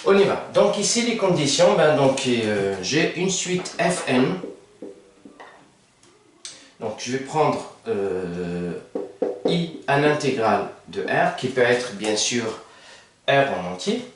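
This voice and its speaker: A man's voice: mid-range voice, sing-song, takes it slowly, long pauses, far from the mic, a little hiss or hum. Male math tutor, hesitant board-side explainer, very echoey room, mic set back. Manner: hesitant, many fillers and self-corrections. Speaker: math teacher. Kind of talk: whiteboard math lesson.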